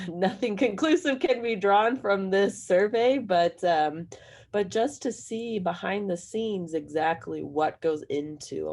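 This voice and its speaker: A woman math instructor speaks on a panel, her voice hoarse, low and gravelly with fry. She talks at length in a rambling, self-deprecating way. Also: darkish tone. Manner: rambling, self-deprecating, chuckles while talking. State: hoarse from allergies. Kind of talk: panel discussion answer.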